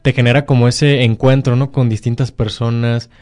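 A man's voice: mid-range voice, little pitch movement, moderate pace, a little mellow. A young man from Morelia, Mexico, a university student with a Mexican Spanish accent, chatting casually and telling anecdotes. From Morelia, Michoacán, Mexico. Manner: storytelling, acts out quoted dialogue. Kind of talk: casual chat.

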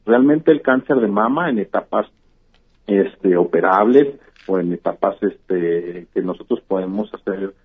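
In a radio interview heard over a tinny, phone-like line, a male physician explains things patiently. His husky voice sits low and moves at a measured pace, filled with "eh" fillers and "¿verdad?" tags.

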